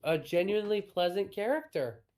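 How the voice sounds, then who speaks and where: A woman in a casual gaming chat, talking slowly and thoughtfully, with pauses and ums. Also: mid-range voice, very animated, darkish tone. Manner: slow, thoughtful, hesitant with ums. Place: home streaming setup.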